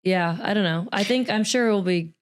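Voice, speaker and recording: A woman chatting casually, with a deliberate, carefully placed way of speaking. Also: medium pitch, smooth. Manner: deliberately lifted speaking placement, trained in speech therapy. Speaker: singer and talk guest. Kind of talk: casual chat.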